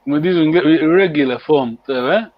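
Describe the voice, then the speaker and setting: A man leads an online language lesson, sounding out each word slowly and patiently. His voice sits a little high. The audio is muffled and lo-fi, as over a call. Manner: patient, repeats words slowly for students. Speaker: language teacher.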